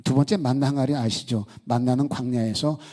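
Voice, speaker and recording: A man's voice: medium pitch, steady tone, fairly quick, warm tone. A man preaching a sermon as pastor, talking conversationally and asking the congregation many rhetorical questions. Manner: acts out quoted speech in the story.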